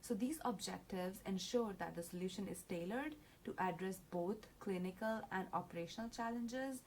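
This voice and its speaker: A woman's voice: mid-range voice, moderate pace, darkish tone, slight background noise. A woman presenting her research from slides, earnest, with fillers and self-corrections. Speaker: student presenter.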